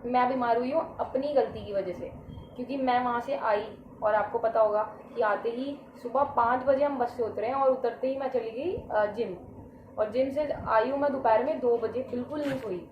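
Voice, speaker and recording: A woman's voice: fairly high pitch, moderate pace. Chatty feverish woman vlogging at home. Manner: chatty, addresses viewers directly. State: sick with fever. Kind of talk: casual vlog chat to camera. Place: at home, indoors. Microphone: camera set in front of her. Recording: echoey room, dull and noisy.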